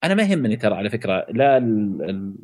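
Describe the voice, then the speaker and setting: Male podcast co-host, rapid and animated, lowish voice, opinionated. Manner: animated and opinionated, jumps to high pitch for emphasis; many hesitations and filler sounds. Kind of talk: casual gaming podcast chat.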